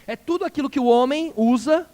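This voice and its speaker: A male pastor preaching a sermon, asking the congregation questions and swinging between loud emphatic phrases and quiet dropped endings. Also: extremely high pitch, a little fast. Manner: asks the congregation rhetorical questions.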